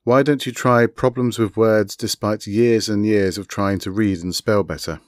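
A man reading a story, voicing a gruff, blunt young man who growls his lines. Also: on the low side, fast talker, no echo, studio quality, close to an everyday voice.

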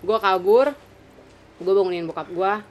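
A woman in her twenties tells a spooky tale over clearly audible background noise. She speaks in loose Jakarta slang with a Jakarta-area accent and an animated, chatty delivery at a medium pitch. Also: unhurried. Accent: Jakarta-area Indonesian. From Indonesia, Cibinong area. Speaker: storyteller in a group chat. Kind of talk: animated casual ghost storytelling. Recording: clearly noisy room ambience.

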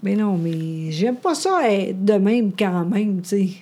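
A woman's voice: mid-range voice, takes it slowly, mellow. A woman in casual chat, hesitant and searching for her words.

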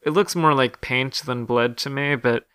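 Bright, crisp-voiced man chatting about films. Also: medium pitch, normal speed, no echo, clean studio sound. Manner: chatty, frequent fillers and restarts. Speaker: podcast co-host. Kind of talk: casual film discussion.

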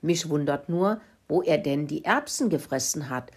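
A woman voicing a small, thoughtful boy mouse in a children's story, husky voice. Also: animated, normal speed. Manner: squeaky, thoughtful.

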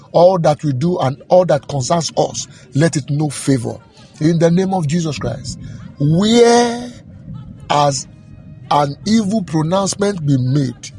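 A man leads fervent prayer, his voice sitting a little high as he drives phrase after repeated phrase with commanding emphasis. Faint music plays underneath him. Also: a little mellow, husky. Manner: rhythmic repetition, commanding, emphatic. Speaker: preacher leading prayer.

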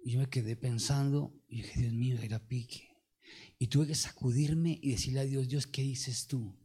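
A middle-aged man with a Colombian Spanish accent, a pastor preaching a sermon with lively storytelling and call-and-response. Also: medium pitch, moderate pace, husky.

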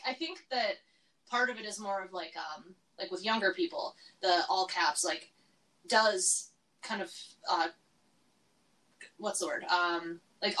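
A woman's voice: medium pitch, sharp tone. A young woman from Alberta, Canada co-hosting a podcast in casual chat, often hunting for the right word. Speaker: podcast co-host. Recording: slightly distant mic with faint room noise.

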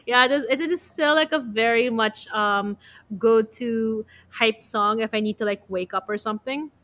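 A young Filipino woman from the Philippines co-hosts a casual podcast about pop music, chatting in a rambling way peppered heavily with "like." Her voice is on the high side and fairly bright, at a moderate pace.

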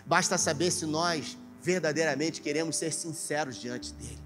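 A man preaching from the pulpit with a high, bright-toned voice. He tells stories in quoted dialogue and then pushes into emphatic, rising passages. Soft music plays faintly behind him. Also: normal speed. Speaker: pastor. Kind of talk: sermon.

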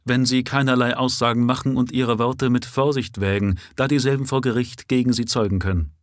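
A man's voice: medium pitch, steady tone, brisk, dry recording, studio quality, pitched above the performer's own voice, close to an everyday voice. A man reading aloud, voicing a pale, mechanical police inspector who speaks formally. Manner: formal, official.

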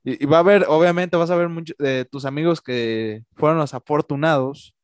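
A man's voice: fairly high pitch, normal speed, clean tone, no echo. A man with a Mexican accent hosting a casual, slangy chat. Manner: slangy, relaxed. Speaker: host.

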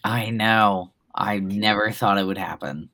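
A woman's voice: extremely low pitch, a little slow, creaky, a bit bright, no room sound, studio quality. A woman co-hosting a podcast, chatting casually in an easygoing, agreeable way. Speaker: podcast co-host. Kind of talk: casual chat.

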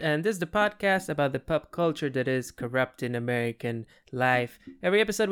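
Clear-voiced enthusiastic male podcast host. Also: on the high side, fairly bright tone. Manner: enthusiastic, scripted intros. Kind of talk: podcast interview.

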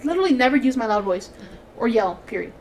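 A soft-spoken woman chatting casually with friends, telling stories expressively with some swearing. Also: fairly high pitch, sing-song, quick pace. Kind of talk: casual chat with friends, swearing, code-switching.

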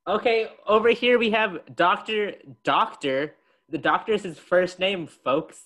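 In a comedy podcast skit, a young man plays the boastful, self-satisfied ghost of a dead president, holding court in a smug manner. His voice is bright and a little high, and he speaks unhurriedly.

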